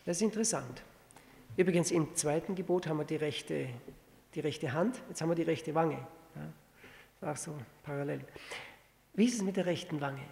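A man with a fairly high, gravelly, darkish voice preaches a conversational verse-by-verse sermon on a Bible passage, speaking a little fast but with long pauses. He often restarts and poses rhetorical questions to his listeners. The recording has long hall reverb.

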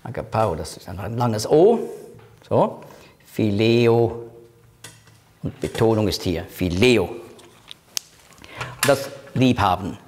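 A man leading a Bible study, explaining scripture slowly and quoting verses aloud. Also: very animated, background noise. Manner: slow, explanatory, quotes scripture in a lowered voice; switches between teaching and group discussion. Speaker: Bible teacher.

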